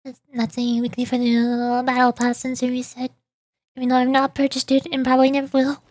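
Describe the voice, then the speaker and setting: A VTuber livestreaming a video game chats playfully and rambles, muttering little asides to herself, with music behind her voice. Her voice is high-pitched and monotone with a darkish tone, a little fast, and has no echo.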